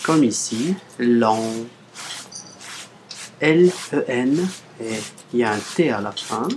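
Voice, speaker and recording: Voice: medium pitch, expressive, unhurried, slight background noise, rough recording. A teacher giving a pronunciation lesson, spelling out letters and sounding out syllables one by one, repeating each word several times. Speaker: French reading teacher.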